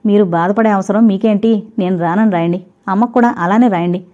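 A woman's voice: medium pitch, brisk, mellow, lightly acted. A woman voicing a young wife who answers her husband with hurt indignation. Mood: indignant. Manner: wounded, indignant. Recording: dull lo-fi recording.

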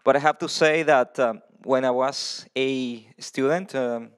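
A man from Venezuela in his thirties gives a conference talk into a handheld mic. He speaks in a loose, conversational way, restarting phrases and filling pauses with ums. His voice sits at an ordinary pitch for a man, and he is heard in a large, dark conference hall. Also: clean tone.

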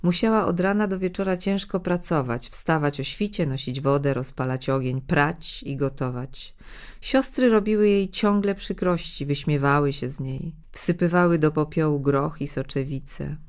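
Low-voiced woman reading a fairy tale. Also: moderate pace. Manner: gently expressive, voicing the characters' lines. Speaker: audiobook narrator. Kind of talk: storybook narration.

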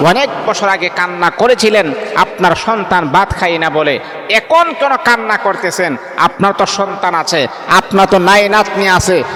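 A man preaching an emotional sermon in speech, rising to cries and sung phrases. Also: high voice. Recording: long hall reverb.

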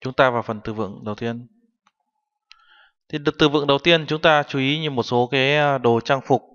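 At medium pitch and a moderate pace, a Korean language teacher's clean, fairly bright voice guides a classroom-style lesson. Patiently, he translates each term word by word, and a dull recording leaves a long reverb trailing after his voice.

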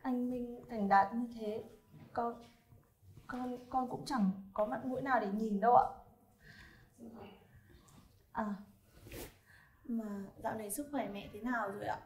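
An actress playing a young mother and daughter-in-law, speaking softly and apologetically. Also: a little high, steady tone, measured pace, pauses often. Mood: remorseful. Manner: soft, apologetic. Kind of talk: web drama acting. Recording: echoey room with faint music.

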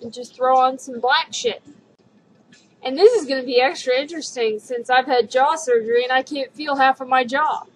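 A woman's voice: high voice, normal speed, low-quality recording. A young woman rambling in a giggly, drunk manner as she casually talks through a makeup tutorial on a home webcam. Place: living room at home, indoors. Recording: webcam audio with background noise.

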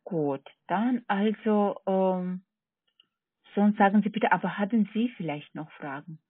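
Over a tinny, narrowband phone line, a call centre agent whose first language isn't German hesitantly checks and repeats order details in accented, non-native German. Her voice is medium-pitched, a little slow and slightly rough, with no room sound. It's a phone sales conversation.

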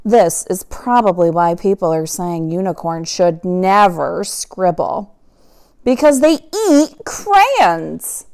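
A teacher reads a picture book aloud to children with lots of drama and expression, stretching out key words for emphasis. Her voice is on the low side with a clean tone.

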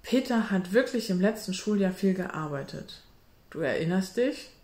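A woman voicing a soft-spoken, doll-like mother in a storybook reading, soothing in manner, in a roomy echo. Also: lowish voice, moderate pace, lightly acted.

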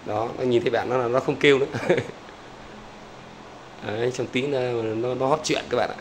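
A man's voice: medium pitch, a little fast, a little hiss or hum. A man chatting casually to his viewers outdoors by bird cages, repeating little "there" words as he points things out. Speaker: bird-keeping vlogger. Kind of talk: casual talk to camera viewers.

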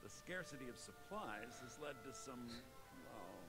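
A man's voice: unhurried, breathy edge, soft background music, exaggerated voice. An actor playing a sarcastic, greedy male merchant in a video game, speaking in a dry, sardonic way. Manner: dry, sardonic, lively pitch.

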